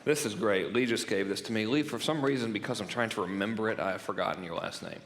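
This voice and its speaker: A man's voice: lowish voice, fast, a bit bright, big-room sound, slight background noise. A man presenting at a marketing workshop in a loose, jokey and profane way, laughing at his own gags. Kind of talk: joking seminar talk. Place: event room stage.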